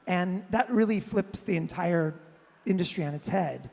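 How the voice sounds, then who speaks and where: A woman interviewer asking measured, prepared questions on stage in front of a live audience. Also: fairly low pitch, creaky, a little mellow. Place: large hall before a live audience. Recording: long hall reverb.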